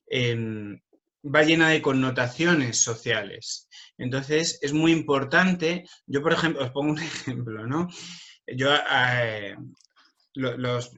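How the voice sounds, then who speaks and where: A man's voice: medium pitch, sharp tone, lo-fi sound. A man presenting an online workshop, speaking with passion and strong emphasis.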